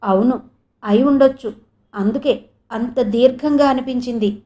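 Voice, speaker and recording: A woman's voice: fairly high pitch, measured pace, dark tone, close to an everyday voice. A woman voicing a frail, frightened young woman. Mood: relieved. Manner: weak, pleading, anxious questions.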